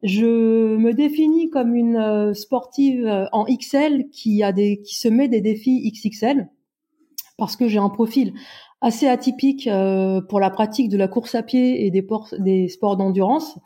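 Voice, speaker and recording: A woman in her forties from Brittany, speaking as a podcast guest in a hesitant, self-mocking way with many pauses. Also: on the high side, mellow. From Brittany, France. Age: 40s. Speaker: guest, amateur endurance runner. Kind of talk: podcast interview.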